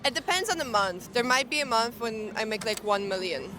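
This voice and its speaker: Woman from Poland, singer and dancer, playful, high-ish voice, noisy street. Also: lively intonation, fairly quick. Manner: playful and giggly. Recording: outdoor street noise.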